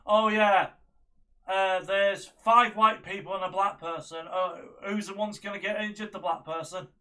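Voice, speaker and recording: A man's voice: high-pitched, fairly even intonation, moderate pace, pushed and bright. A man giving casual, blunt reaction commentary as he watches a video. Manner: blunt, swearing.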